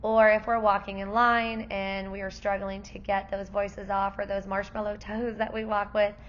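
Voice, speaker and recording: Her voice gravelly and worn as she loses it, a woman kindergarten teacher gives parents class information at a parent night in a friendly, explanatory manner. She speaks at normal speed with a medium pitch and level tone, captured on a muffled recording with slight background noise.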